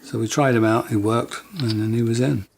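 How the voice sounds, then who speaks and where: A man's voice: medium pitch, fairly even intonation, a little fast, gravelly, a little hiss or hum. An English man recalling his band days in an interview, wry and dry, often stammering as he restarts. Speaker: guitarist interviewee. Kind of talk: reflective interview recollection.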